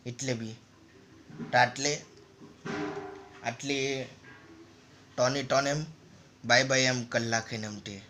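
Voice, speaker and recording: Man narrating in a flat, rambling tone. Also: mid-range voice, takes it slowly, long pauses, slight background noise. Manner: rambling, repetitive phrasing. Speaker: gaming channel narrator. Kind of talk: casual story narration over gameplay.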